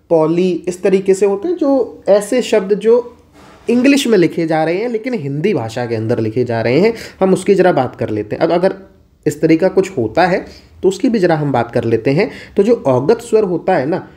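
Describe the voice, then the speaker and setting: Hindi teacher explaining step by step. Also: male voice, high voice, dark tone. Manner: asks and answers his own questions. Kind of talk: exam-prep Hindi lesson.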